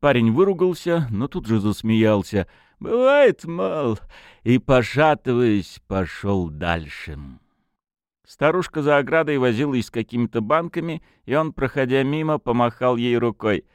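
A man narrating an audiobook in an expressive storytelling manner. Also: medium pitch, moderate pace, clean tone, dry recording.

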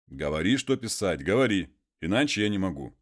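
A man voicing an educated gentleman who is patient but firm and talks in a measured, reasoning way. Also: deep voice, sing-song.

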